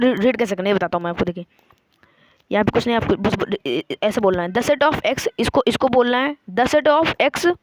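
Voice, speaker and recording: A man teaching an online maths lesson in Hindi, explaining step by step and repeating himself, slowly spelling out terms in Indian-accented English. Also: very high-pitched, a little hiss or hum. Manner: repetitive, step-by-step explaining, slow dictation of terms.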